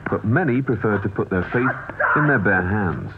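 Low male narrator on worn tape. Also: lively intonation, moderate pace, heavy background noise. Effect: worn VHS tape copy, muffled and lo-fi. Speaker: documentary narrator. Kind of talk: scripted narration. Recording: muffled worn videotape with music behind.

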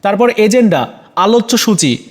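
A man as a teacher, methodically going over exam answers for students and pausing on frequent "ah" fillers. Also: high-pitched, very animated, darkish tone.

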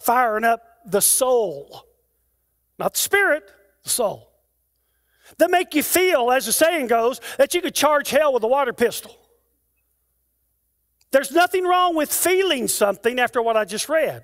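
A man's voice: very high-pitched, fairly bright tone. A man preaching a sermon in a church, moving from rhythmic declaimed lists to conversational asides to the congregation. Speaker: pastor. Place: church sanctuary.

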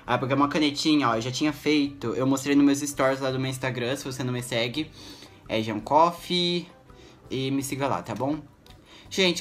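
A young man with a Brazilian Portuguese accent gives excitable, jittery gameplay commentary at his computer, full of exclamations. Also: mid-range voice. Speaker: gaming YouTuber.

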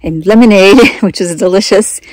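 A woman's voice: medium pitch, moderate pace, dry recording. A middle-aged woman talking into a phone held at arm's length on a mountain trail, chatty and upbeat, hot and tired from hiking. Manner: chatty, upbeat, laughs often. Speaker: hiking vlogger. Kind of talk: casual trail vlog.

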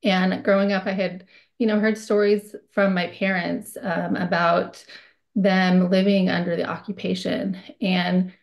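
A woman's voice: lowish voice, flat delivery, a little slow, vocal fry. A woman from the United States speaking candidly as a webinar guest, with frequent fillers, over a video call. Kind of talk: personal account.

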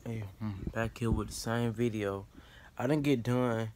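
A man's voice: medium pitch, fairly even intonation, unhurried, darkish tone, slight background noise. A young man chatting loosely and directly to his viewers in a casual vlog, recorded on a phone. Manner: loose, rambling, talks straight to viewers. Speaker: vlogger. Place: outdoors by a pond, then indoors in a room. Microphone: phone camera.

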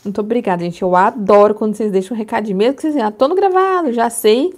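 A woman's voice: a little high, quick pace, a little mellow. A woman hosts a casual livestream while she colors. She chats easily with her viewers and explains which pencils she picks up. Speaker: livestream host coloring a book.

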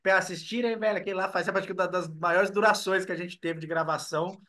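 High, bright-voiced chummy Brazilian man. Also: fairly quick. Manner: chummy, slangy, animated. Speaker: co-host. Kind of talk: casual album review chat. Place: home room. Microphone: video call webcam.

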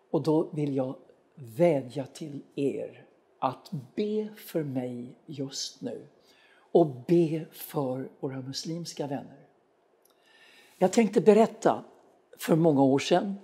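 A man's voice: fairly high pitch, mellow. A male pastor giving a broadcast sermon, speaking earnestly and directly to his listeners while telling a story from his travels. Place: studio broadcast of a web church.

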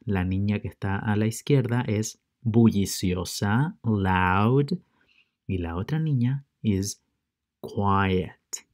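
A man teaching English words to children, repeating each word pair slowly and stressing how to say it. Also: fairly low pitch, a little mellow. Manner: drills word pairs with slow, careful repetition; stresses English pronunciation for learners. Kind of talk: bilingual vocabulary lesson for children.

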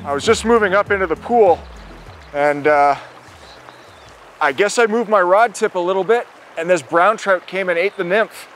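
Out in a small river, a man in his thirties hosts a fishing show with lively energy that jumps whenever a fish strikes. He has a high voice and a moderate pace, with faint music in the background.

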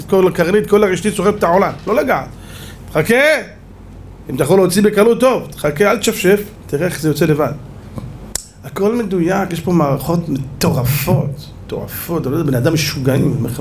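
Rabbi giving a lively, animated Torah lesson. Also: male voice, a little hiss or hum. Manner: animated, swings between loud exclamations and low asides. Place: room with an audience.

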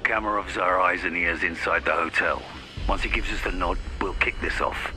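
A steady veteran soldier commander in a video game, giving calm, clipped orders over a radio link. His voice sits low. He sounds somewhat distant, and loud music plays behind him. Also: moderate pace. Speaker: squad commander. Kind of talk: video game cutscene dialogue.

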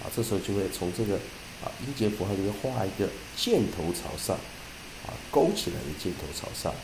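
This English pronunciation teacher has a fairly low, animated voice. He deliberately reads out dictionary entries, then explains them with lots of repetition and "ah" fillers, and the recording sounds roomy with noise behind him.

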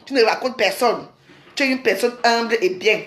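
A woman's voice: fairly high pitch, moderate pace, fairly bright tone. A woman from Cameroon, ranting angrily on a home live stream, scolding and repeating herself. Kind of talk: angry live-stream rant. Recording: roomy echo.

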